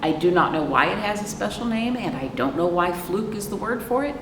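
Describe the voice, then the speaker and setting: An American woman runs children's storytime at the library, her low-leaning voice full of expression as she reads picture books. She puts questions to the kids and gives them time to answer. Heard from afar, the recording is noisy, echoing and roomy.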